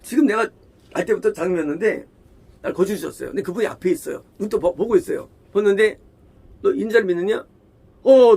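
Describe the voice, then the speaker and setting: A man's voice: sits high, vocal fry, darkish tone, slightly rough. A man preaching a sermon as pastor, emphatic, repeating phrases and firing rhetorical questions at the congregation.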